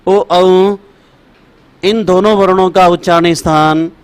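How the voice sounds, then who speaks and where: A man teaches a class in a high voice. He speaks slowly and chants each rule several times so students can write it down. He calls them brother and child as he talks. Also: steady tone, clear, resonant tone. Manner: repetitive, chanting rules for dictation. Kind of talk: classroom lecture.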